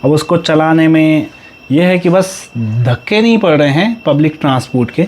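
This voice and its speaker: A young man with an Uttarakhand Pahadi accent, chatting loudly and quickly as a family vlogger telling stories at home. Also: on the high side, animated, a little hiss or hum. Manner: talks loud and fast, storytelling. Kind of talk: casual family vlog chat.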